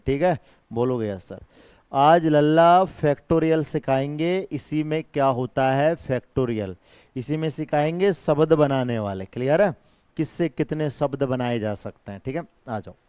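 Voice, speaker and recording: Male math tutor, smooth resonant voice, dry close sound, coaxing call-and-response teaching, exam-prep lesson. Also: a little high, darkish tone, no room sound. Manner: coaxing, repeats prompts for students to answer; calls students by pet names and himself their brother.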